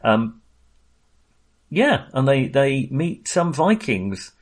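A man hosting a casual film chat talks informally and haltingly, searching for words. He's self-deprecating and conversational, very animated, with a medium-pitched voice.

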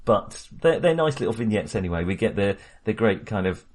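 Brisk and very animated, this man has a fairly low, darkish voice as he co-hosts a podcast. He discusses a film casually and ramblingly, frequently starting over and breaking into laughter.

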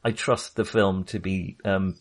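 In a deep, steady voice at a measured pace, a British man co-hosts a relaxed film discussion podcast. He comes across as hesitant and rambling, often interrupting his own train of thought.

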